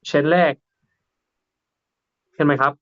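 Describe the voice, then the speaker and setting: Polite man teaching, slow and unhurried. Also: a bit bright, dry recording. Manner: polite, asks the learner questions. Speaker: English teacher. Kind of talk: casual bilingual lesson. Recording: dull lo-fi recording.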